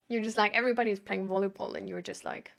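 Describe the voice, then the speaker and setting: A medium-pitched female voice with vocal fry belongs to a German live host in casual conversation. Hesitant and giggly, she rambles and thinks aloud, laughing frequently.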